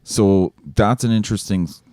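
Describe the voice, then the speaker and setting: A man with a very low, dark voice tells rambling anecdotes in relaxed podcast chat. The sound is dry and close on the mic. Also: moderate pace, dry recording. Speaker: podcast co-host. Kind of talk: casual chat.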